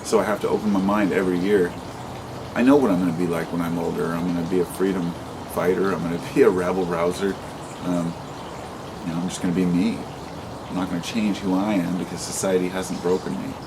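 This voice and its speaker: A man in his late thirties delivers an unscripted vlog monologue to camera, rambling and impassioned, swearing often and restarting sentences. His low voice is flat and a little fast, with background noise.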